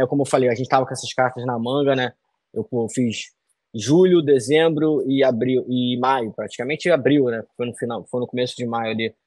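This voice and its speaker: A fighter in his thirties answers interview questions over a video call from a small room, speaking loosely with plenty of fillers and tag questions. His medium-pitched voice is a little mellow, and the recording is dry.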